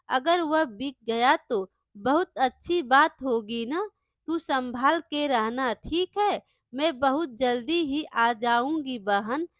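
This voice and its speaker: A woman's voice: sits high, a bit bright, no echo, clean studio sound, exaggerated voice. A woman voicing a caring young elder sister who reassures and pleads, in a storybook reading.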